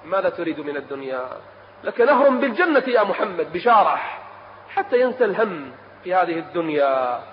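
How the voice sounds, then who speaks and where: Preacher, male, Kuwaiti Gulf accent, high voice, fervent sermon with chanted recitation, dull lo-fi lecture tape. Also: big pitch swings, a little fast. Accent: Kuwaiti Gulf Arabic. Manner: impassioned, rising to cries then dropping to hushed tones. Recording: dull lo-fi lecture recording with faint hiss.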